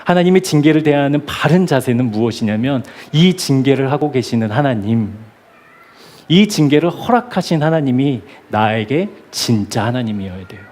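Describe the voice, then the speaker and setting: Pastor preaching with lively voiced quotes. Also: male voice, medium pitch. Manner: animated storytelling, acting out quoted voices. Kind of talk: sermon. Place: church.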